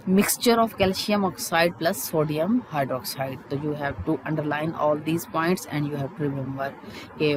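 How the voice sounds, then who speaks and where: Chemistry teacher, mid-range voice, halting explanatory delivery, repeated key terms, clear background noise. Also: mid-range voice. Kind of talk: school lesson, reading and explaining textbook points.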